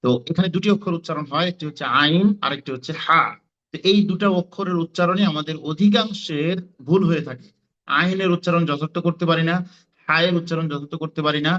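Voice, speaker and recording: A man's voice: a little high, fast talker, a bit bright, muffled recording. A man teaching Quran pronunciation in a class, explaining with many fillers and repeating letter sounds for students to copy.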